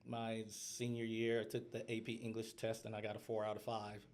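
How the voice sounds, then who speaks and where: A man's voice: fairly low pitch, completely flat delivery, normal speed, darkish tone, slight background noise. A man guesting on a podcast, talking candidly in casual chat, often laughing and acting out quotes.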